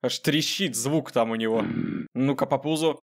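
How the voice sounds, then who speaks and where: Male gaming host, mid-pitched, casual, sarcastic commentary aimed at the character on screen. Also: normal speed, noisy background. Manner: sarcastic, talks to the game character. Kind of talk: casual joking gameplay commentary.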